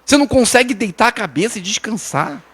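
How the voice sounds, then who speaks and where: A Brazilian pastor with a São Paulo accent and a high voice preaches to his congregation. He talks informally, stumbling and repeating words and checking in with "né?". His delivery swings from urgent, raised appeals down to soft, hushed reassurance. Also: animated, fast, breathy edge. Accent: Brazilian Portuguese, São Paulo. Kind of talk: sermon.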